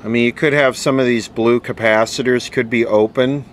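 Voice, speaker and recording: Talking at a moderate pace in a mid-range voice, this host repairs vintage electronics on camera. His commentary is casual and unscripted, muttered as he thinks aloud through the work, with steady noise in the background.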